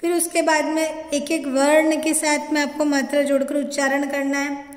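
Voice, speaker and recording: A woman teacher giving a slow phonics lesson, spelling out syllables one at a time and repeating words for students to say back. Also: high-pitched, flat delivery. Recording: echoey room with long reverb.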